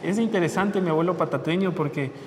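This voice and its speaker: A man's voice: a little high, fast talker, long reverb tail, noisy background. A man, talking in a conversational, anecdotal way in a documentary interview.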